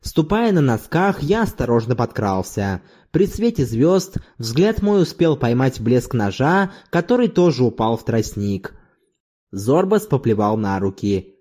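A man reading a novel aloud as narrator in an expressive, dramatic storytelling manner. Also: medium pitch, measured pace.

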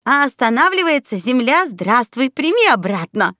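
A woman's voice: high-pitched, very animated, normal speed, sharp tone, dry recording, studio quality, voice pushed up, full character voice. A woman voicing a timid male vegetable creature in a storybook reading, speaking shyly and apologetically. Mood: eager. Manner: shy, apologetic.

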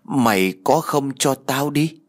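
A man's voice: medium pitch, expressive, slow pace, pitched above the performer's own voice. A man voicing a vengeful young ghost. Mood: menacing. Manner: eerie, menacing and pleading by turns. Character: hungry vengeful young male ghost turning demon. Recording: faint music behind the voice.

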